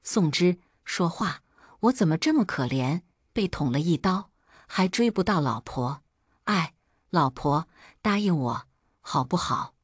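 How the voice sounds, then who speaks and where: A woman's voice: lowish voice, expressive, measured pace, breathy edge, dry recording, studio quality. A woman voicing a smug, doting young man. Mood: coaxing.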